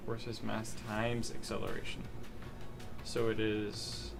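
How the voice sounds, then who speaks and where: A young man hosting a stream, chatting casually over drinks in an animated, self-mocking way, swearing often. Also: lowish voice, slow pace, creaky, over music. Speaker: streamer host. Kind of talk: casual chat while drinking.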